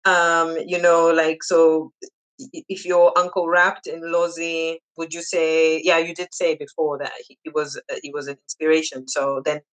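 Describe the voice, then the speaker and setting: A podcast host leads the interview in an effusive way and keeps repeating praise. The voice sits at a middle pitch and never goes high or low. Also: flat delivery, normal speed, fairly bright tone, smooth, poor audio. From Zambia.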